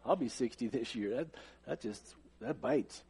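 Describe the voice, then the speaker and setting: A man's voice: mid-range voice, lively intonation, unhurried, gravelly, noisy background. A man in his fifties, a pastor, leading a church service with joking asides and an earnest prayer, in a church sanctuary. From United States. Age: 50s. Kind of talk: sermon and prayer.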